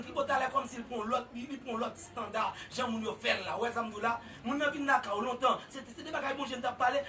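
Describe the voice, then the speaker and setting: A man preaching a sermon in a church with a Haitian Creole accent, swinging from low murmurs to shouted exhortations. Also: far from the mic, background noise.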